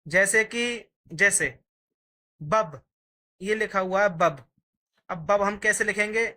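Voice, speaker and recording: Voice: mid-range voice, slow pace, sharp tone. A teacher giving a patient, step-by-step Urdu writing lesson, sounding out each letter while writing it.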